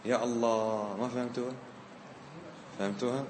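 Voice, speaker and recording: A man's voice: medium pitch, little pitch movement, moderate pace, background noise. A man teaching a grammar lesson, questioning his students and mixing dialect into his explanations. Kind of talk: classroom lesson. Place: lecture room with students. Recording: roomy echo.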